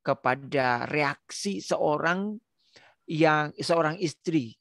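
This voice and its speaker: A middle-aged man, a pastor, talking through a story in casual sermon-like chat, with many pauses, restarts and fillers. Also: on the high side, gravelly, fairly bright tone, no room sound, studio quality. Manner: hesitant, many restarts and fillers, tells stories.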